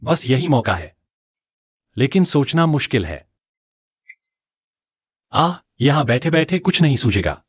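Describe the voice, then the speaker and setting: A man's voice: mid-range voice, very animated, unhurried, pauses often, husky, no echo. A man voicing a shrewd young man who stands up to a bully and plans his revenge in a dubbed drama. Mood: scheming. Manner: defiant, determined.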